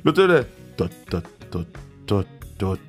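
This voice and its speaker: A man in his thirties with a Québécois French accent, telling a casual, excitable story and swearing, with English words mixed in. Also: fairly low pitch, measured pace, slightly rough, faint music behind. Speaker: vlogger.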